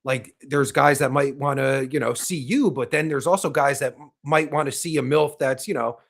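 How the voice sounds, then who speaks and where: A man's voice: mid-range voice, normal speed, gravelly, a bit bright. A man hosting a podcast, talking in a rambling, crude way with lots of fillers. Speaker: podcast host. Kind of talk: casual chat.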